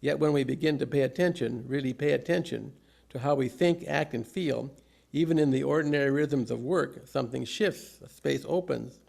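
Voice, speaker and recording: An older man with a gravelly, creaky voice delivers a humorous sermon, telling anecdotes from notes in measured, deliberate phrases. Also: mid-range voice, a little mellow. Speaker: preacher.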